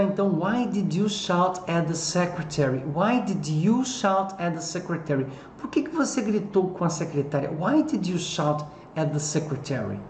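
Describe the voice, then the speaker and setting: A Brazilian-accented English teacher in a bilingual lesson, speaking at a middle pitch. Example phrases come out slow and deliberate, while the explanations rush along, full of quick tag questions. A roomy echo surrounds the voice, with faint noise underneath. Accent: Brazilian Portuguese.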